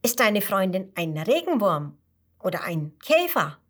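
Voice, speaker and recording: A woman's voice: mid-range voice, sing-song, measured pace. A woman voicing a small grumpy mole who talks in a cross, huffy way. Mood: amused.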